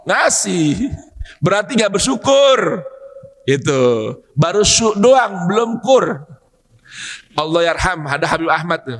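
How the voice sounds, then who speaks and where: A man giving a dawn sermon in a mosque, teasing the congregation with questions and bursting into loud emphatic shouts. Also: on the high side. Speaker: preacher.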